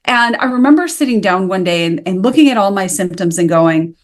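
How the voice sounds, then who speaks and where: A woman in her fifties from the United States, a naturopathic practitioner answering as a guest, retelling her story with animated acted-out dialogue. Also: mid-range voice, fairly quick.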